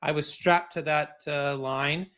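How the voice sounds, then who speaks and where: Man, keynote speaker, storytelling, slightly high voice, lively delivery. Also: takes it slowly, smooth. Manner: animated storyteller with fillers and restarts.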